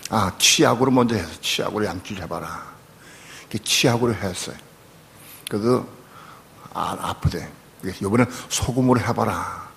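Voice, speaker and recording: An older man, a pastor, preaching a sermon and telling a personal testimony, moving from quiet storytelling to loud, pleading prayer. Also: on the low side, vocal fry, a little hiss or hum.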